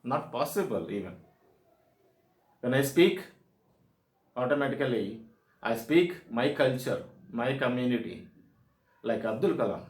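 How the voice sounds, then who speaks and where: A man with a South Indian accent giving an instructional presentation as a soft skills trainer, speaking emphatically in short, repeated declarative phrases. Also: mid-range voice, animated, a little slow, pauses often. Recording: echoey room sound.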